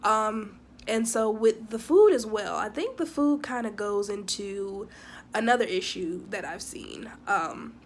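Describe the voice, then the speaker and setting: A young woman chatting casually to camera in a vlog, talking quickly with lots of fillers and asides. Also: mid-range voice, expressive, a little hiss or hum. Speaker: vlogger living abroad.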